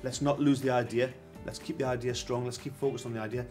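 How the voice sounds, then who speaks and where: A creative director coaching a student team in a brisk, emphatic way that repeats the key points. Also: male voice, mid-range voice, steady tone, over music. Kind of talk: coaching advice.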